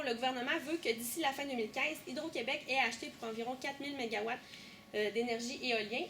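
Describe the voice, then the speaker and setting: A young woman with a Québécois accent guiding a tour group through an underground power station, lively, asking questions and teasing. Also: sits high, a little hiss or hum. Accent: Québécois French. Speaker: tour guide. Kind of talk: guided tour explanation.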